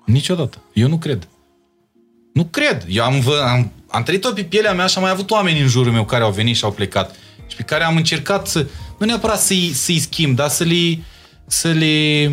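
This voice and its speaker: A young man with a Moldavian Romanian accent talks casually as an interview guest, repeating words to press his points. His voice is on the high side and a bit bright.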